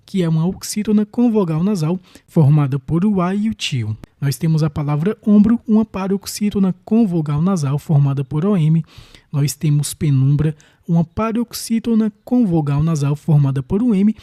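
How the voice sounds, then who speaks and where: A teacher with a Brazilian Portuguese accent goes through exam questions one at a time, methodically explaining each answer. The voice is mid-range and mellow.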